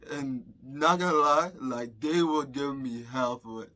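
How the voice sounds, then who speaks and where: Bright-voiced young New storyteller. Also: male voice, medium pitch, a little slow. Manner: chatty slang-heavy storytelling, many "like" fillers. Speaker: vlogger. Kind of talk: casual storytime vlog.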